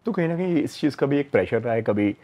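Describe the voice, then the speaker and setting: A man's voice: medium pitch, expressive, fast talker, dark tone. A man with an Indian accent interviewing a guest, asking probing questions and affirming often.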